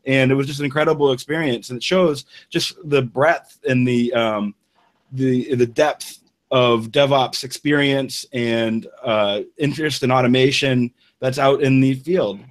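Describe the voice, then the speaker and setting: A man's voice: medium pitch, fairly even intonation, measured pace. Enthusiastic man rambling as a guest. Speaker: guest engineer. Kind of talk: casual interview talk.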